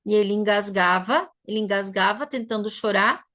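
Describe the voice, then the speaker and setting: A woman's voice: medium pitch, moderate pace, a bit bright. A woman psychoanalyst from Brazil giving a live online talk to a webcam, telling a personal story and speaking directly to her viewers. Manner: storytelling, addresses audience directly.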